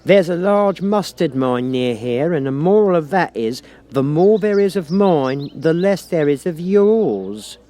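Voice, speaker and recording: Man putting on a high, gushing, pompous old Duchess. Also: lively intonation, dark tone. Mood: pompous, pleased. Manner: cloying, pompous, drawn-out exclamations. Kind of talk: audiobook character voice.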